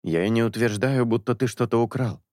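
A man's voice: mid-range voice, brisk, a little mellow, no room sound, clean studio sound, lightly acted. Man voicing a patient, coaxing young priest. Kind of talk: audiobook character dialogue.

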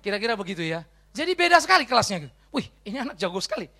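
A male pastor with a Batak accent, preaching a sermon in a lively, conversational storytelling way and acting out bits of dialogue. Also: high voice, rapid-fire, creaky. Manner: animated storytelling, conversational asides; acts out dialogue in his story.

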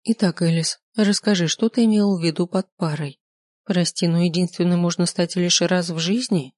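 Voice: mid-range voice, fairly even intonation, moderate pace, darkish tone, dry recording, natural voice. Firm, commanding mother and hostess for an audiobook, voiced by the reader, dry mic. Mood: gentle. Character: commanding middle-aged woman, a mother and hostess. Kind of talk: audiobook character voice.

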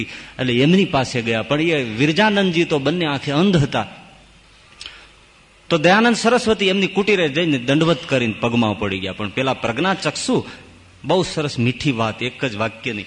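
A man preaches a devotional sermon in a fairly high voice. He tells it dramatically, rising to ringing exclamations and then dropping almost to a murmur. The sound carries a long reverb from a large hall. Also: lively intonation, normal speed, slight background noise. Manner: dramatic, swinging between loud exclamations and hushed lows.

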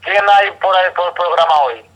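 A man's voice: high voice, brisk, fairly bright tone, rough recording. A man calling in to a live radio show over the phone, joking cheekily and crudely with the hosts.

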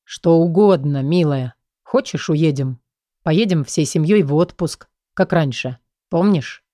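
A woman voicing a stern, protective, quick-tempered middle-aged father in an audiobook, with a gruff lowered voice. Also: dark tone, no room sound. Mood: tender. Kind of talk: audiobook character voice.

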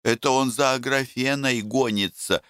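A man's voice: medium pitch, fairly even intonation, moderate pace, a bit bright, clear, resonant tone, no echo, clean studio sound, pitched above the performer's own voice, natural voice. A male reader voicing an eager village woman passing on news in a gossipy way. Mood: gossiping.

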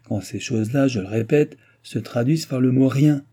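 A man's voice: mid-range voice, normal speed, warm tone, natural voice. A man voicing a proud, scornful young royal princess, disdainful and imperious, in an audiobook reading.

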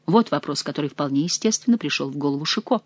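A woman narrating a novel in a measured, expressive reading. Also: sits low, husky, no echo. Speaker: audiobook reader. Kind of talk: scripted narration.

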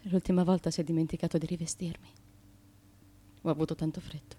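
In a theatrical radio drama, an actress plays the fearful, haunted wife of an ancient Greek tyrant, intense and repetitive. Her deep, mellow voice comes out fast and flat, her mood dazed and fragile.

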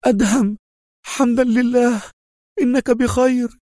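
A man voicing an eager, easily frightened young woman in a spoken story, with high breathless cries. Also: fairly even intonation, unhurried, mellow, no echo, clean studio sound. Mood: relieved.

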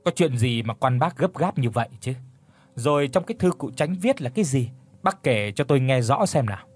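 A man's voice: medium pitch, lively intonation, a little fast, natural voice. A man voicing a simple, gullible male servant in an audio story, tipsy and slurring as if his mouth is full. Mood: slurred asking.

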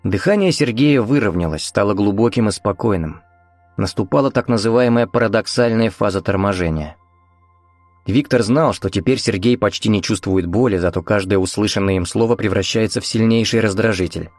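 Low-voiced man narrating a horror audiobook. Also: brisk, darkish tone, no echo. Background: faint music.

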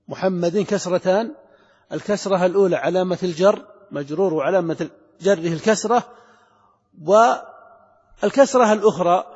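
A middle-aged man gives a grammar lesson, often asking questions and repeating key words for emphasis. His voice sits high and a little husky. The lo-fi recording carries the long reverb of a large hall. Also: darkish tone. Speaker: grammar teacher. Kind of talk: classroom lesson explaining grammar.

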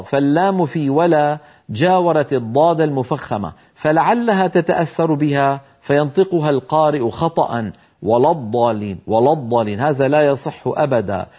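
A man teaching Quran recitation in a televised lesson, explaining carefully and slowly demonstrating how words are pronounced. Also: on the high side, a little mellow, lo-fi sound.

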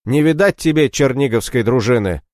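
A man's voice: mid-range voice, animated, brisk, no room sound, studio quality, pitched above the performer's own voice, natural voice. A man voicing a hot-tempered, rather dim male warrior leader who barks orders in an audiobook story. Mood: angry. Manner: shouting, bossy.

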